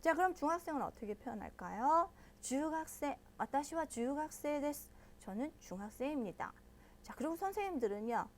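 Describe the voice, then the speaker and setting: Brief: bright high-pitched female teacher, patient, walks learners through each point. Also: sing-song, slight background noise. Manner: patient, explains step by step and checks in with listeners often; models pronunciation slowly and loudly. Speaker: Japanese language teacher. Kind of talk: online language lesson.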